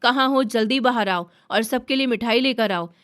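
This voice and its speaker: A woman's voice: on the high side, normal speed, a bit bright, lightly acted. A woman voicing a domineering middle-aged mother-in-law who is bossy and doting to her sons.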